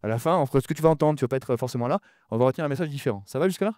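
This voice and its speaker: Fast, mumbling male conference speaker. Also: medium pitch, expressive, a little mellow, no room sound, clean studio sound. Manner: talks fast and mumbles his words; often repeats words and restarts sentences. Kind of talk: lively conference talk addressing the audience.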